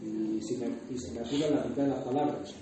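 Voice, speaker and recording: A man's voice: medium pitch, fairly even intonation, brisk, background noise. Murcian man lecturing in an echoey hall. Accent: Murcian Spanish. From Murcia, Spain. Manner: conversational, explaining with examples and asides. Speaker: liturgy trainer. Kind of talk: lecture to a workshop group. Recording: echoey hall, distant mic, dull sound.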